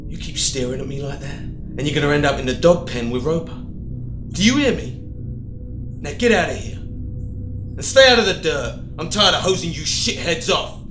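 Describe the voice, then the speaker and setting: An actress playing a cruel, abusive woman who threatens and shouts at a boy, snarling. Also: low voice, lively intonation, normal speed, long pauses. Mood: menacing. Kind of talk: film drama acting. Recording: roomy sound with music behind.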